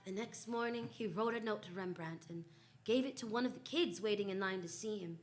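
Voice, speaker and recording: A woman with a medium-pitched, brisk, fairly everyday voice plays a confident, wry female private detective, with faint music in the background. She narrates in the first person and acts out the scene in the storytelling manner of a 1940s old-time radio detective drama.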